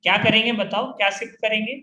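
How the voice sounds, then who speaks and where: A man's voice: high voice, fairly even intonation, fast talker, pushed and bright, slight background noise. A man teaching chemistry to a class, repeatedly firing questions at his students and drilling the answers. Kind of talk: classroom lecture. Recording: echoey room.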